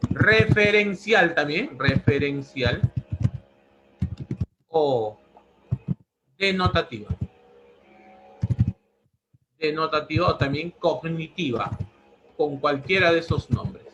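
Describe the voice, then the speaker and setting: A man's voice: a little high, takes it slowly, long pauses, a bit bright, a little hiss or hum, rough recording. A man teaching a language lesson, repeating each answer several times. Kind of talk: pre-university language lesson.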